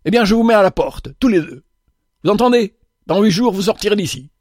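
A man voicing a gruff, bad-tempered middle-aged male boss who scolds and shouts at his staff. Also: a little high, normal speed, no echo, clean studio sound. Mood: furious.

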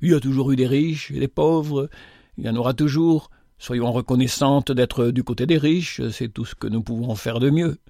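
A man's voice: medium pitch, normal speed, warm tone, no echo, natural voice. Guy putting on a snooty bored rich girl, bossy and impatient, dry close sound. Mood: haughty. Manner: impatient, imperious, scornful. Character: haughty bored rich young woman, Rose.

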